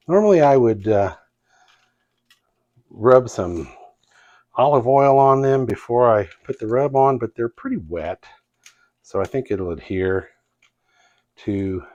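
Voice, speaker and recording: This is a man with a Midwestern accent talking through a cooking demonstration in his home kitchen. His voice sits a little low and he speaks very slowly, easygoing, with many pauses and fillers. The recording sounds slightly muffled. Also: dark tone. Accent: Midwestern American. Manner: slow, folksy, hesitant with many fillers. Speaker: cooking channel host.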